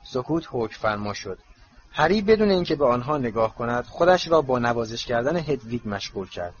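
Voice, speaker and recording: A man narrating an audiobook in an even, measured reading, in a slightly muffled recording with faint hiss. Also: mid-range voice. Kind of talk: scripted narration.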